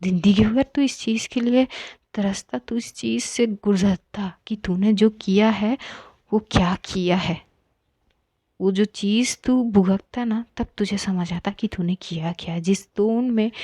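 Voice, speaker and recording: A woman reads a fierce, protective young woman in a storybook reading. She scolds and lectures in a warm, mellow tone. The recording is dry and close. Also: mid-range voice, a little slow, no room sound, close to an everyday voice. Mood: angry.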